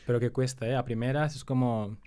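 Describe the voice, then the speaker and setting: A young man, a guest telling his story in a casual interview, animated when he retells scenes and slower when he reflects. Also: mid-range voice, clear, resonant tone. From Spain.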